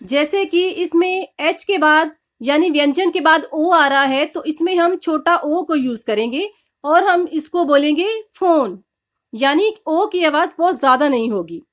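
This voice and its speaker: A woman with a high voice teaches pronunciation at a slow, careful pace. She spells out letters one by one and lists example words with a steady teacherly manner. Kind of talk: slow instructional explanation.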